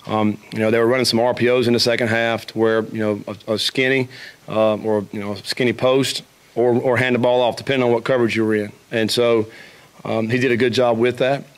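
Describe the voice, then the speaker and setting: Quick, level-toned answers from a middle-aged man speaking into a table microphone at a press conference. He talks in a steady, even pitch and keeps circling back with fillers and restarts as he breaks down a game. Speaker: head football coach. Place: press conference room with a logo backdrop.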